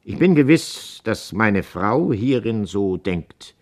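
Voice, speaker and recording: A man's voice: lowish voice, very animated, slow, full character voice. A man reading a resolute tender husband. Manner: firm, earnest, gently persuasive. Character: determined horse dealer, tender but resolute husband.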